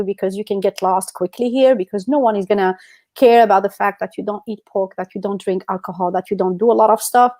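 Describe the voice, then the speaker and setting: This podcast co-host speaks in a warm, medium-pitched voice. She tells personal stories in a casual, emphatic, conversational way, full of "you know."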